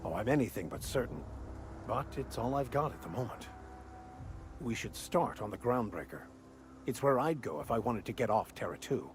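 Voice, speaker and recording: An actor voicing a worldly male vicar in a video game, speaking in a dry, measured way. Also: mid-range voice, lively intonation, a little hiss or hum, close to an everyday voice. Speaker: game companion.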